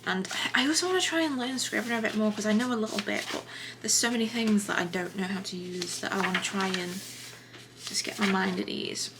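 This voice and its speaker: A woman chatting casually in a writing vlog from her desk at home, relaxed and full of little fillers and restarts. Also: medium pitch, quick pace, noisy background. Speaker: writing vlogger.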